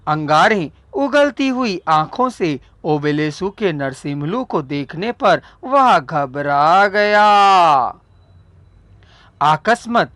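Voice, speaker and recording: A man narrating a short story in a measured, deliberate audiobook style, recorded close on a studio mic. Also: high voice, lively intonation, a bit bright, dry recording.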